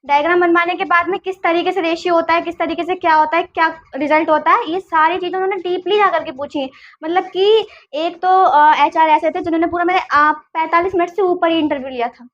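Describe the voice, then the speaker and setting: A young woman, a junior civil engineer, telling her story earnestly and haltingly in a casual interview. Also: extremely high pitch, steady tone, muffled recording.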